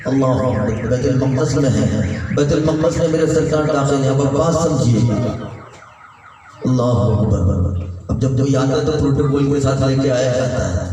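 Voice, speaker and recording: A man preaching an impassioned sermon, rising to shouts and sing-song cadences. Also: mid-range voice, soft background music. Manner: fervent, swings between shouted peaks and sing-song cadences. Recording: echoey distant hall recording with background noise.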